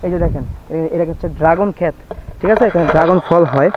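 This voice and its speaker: High, fast-talking man vlogging outdoors. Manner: chatty, keeps asking viewers to look. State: voice going hoarse. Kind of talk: walking tour vlog. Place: outdoors on a windy farm estate. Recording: dull lo-fi phone audio with faint outdoor noise.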